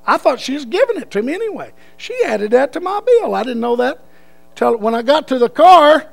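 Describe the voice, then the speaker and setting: An older man preaching a sermon, telling a folksy story and leading prayer, swinging between loud bursts and hushed lines. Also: very high-pitched, big pitch swings, brisk, creaky.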